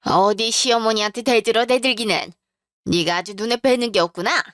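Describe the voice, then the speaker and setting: A woman's voice: on the high side, moderate pace, a bit bright, dry recording, clean studio sound, lightly acted. A woman voicing a domineering older mother-in-law who scolds harshly and commands. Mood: scolding.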